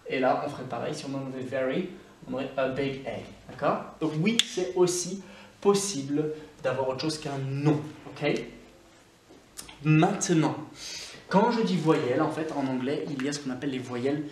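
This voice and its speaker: A man's voice: mid-range voice, roomy sound, a little hiss or hum. Man teaching English grammar casually. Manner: casual, repeats example words slowly, thinks aloud with fillers. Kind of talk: explaining grammar to learners.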